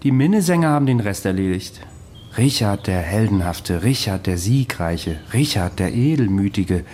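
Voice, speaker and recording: A man's voice: lowish voice, animated, moderate pace, a little mellow, a little hiss or hum, natural voice. An actor playing a world-weary, undying ancient wanderer in an audio drama, telling his past in a wry, brooding manner. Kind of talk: audio drama dialogue and storytelling.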